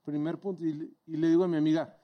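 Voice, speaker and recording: A man's voice: on the high side, flat delivery, quick pace, muffled recording. A man with a Mexican Spanish accent telling a story in casual chat, swearing often and acting out what people said. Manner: swears a lot, acts out quotes, laughs while telling. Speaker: show panelist telling a story. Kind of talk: casual chat, animated anecdote.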